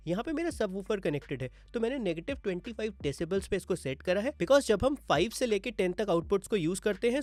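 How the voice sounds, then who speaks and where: A man's voice: high-pitched, dry recording. Man demoing studio gear, dry sound. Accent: Indian. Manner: explanatory, mixes English terms into Hindi. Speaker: gear reviewer. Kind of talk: product demo walkthrough. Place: home studio. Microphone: wireless mic, then dynamic and condenser mics.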